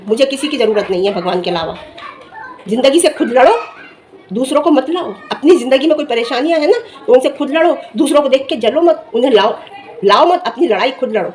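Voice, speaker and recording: Woman, high-pitched, middle-aged, scolding vlog commentary, rhetorical questions, faint background hiss. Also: a little mellow. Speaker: vlogger.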